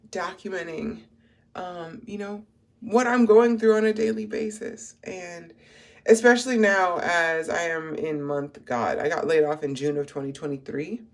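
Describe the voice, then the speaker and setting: A person in their thirties, a spiritual life coach, talking through a casual morning vlog in a groggy just-woke-up voice, rambling and reflective with many fillers and restarts. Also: mid-range voice. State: groggy morning voice after little sleep.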